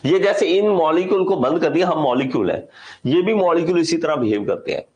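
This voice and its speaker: A man's voice: fairly high pitch, lo-fi sound. A man with an Indian accent teaching an engineering class, explaining with lots of repetition and questions to the students. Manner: animated explaining, repeats and quizzes the class; slow dictation when reading out a definition. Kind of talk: classroom lecture.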